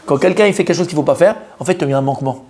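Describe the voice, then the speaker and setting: Speaking very fast in a fairly high voice, this French-language Torah teacher keeps his class lively, questioning the students, going back over the main points and using Hebrew terms.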